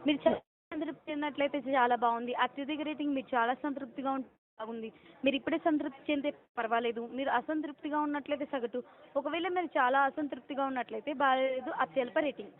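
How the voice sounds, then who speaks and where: On a muffled, band-limited phone recording, a woman working as a customer care caller reads a scripted survey. Her delivery is formal, robotic, and rote as she recites the options. Her voice is high, with a steady tone and quick pace.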